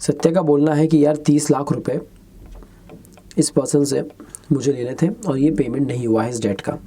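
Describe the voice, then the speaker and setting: Guy going through exam answers, mellow low-key voice, switches hindi and english, reads questions slow. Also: steady tone. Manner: Hindi-English mix, reads English questions slowly, chatty asides. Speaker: lecturer. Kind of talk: exam-prep lecture.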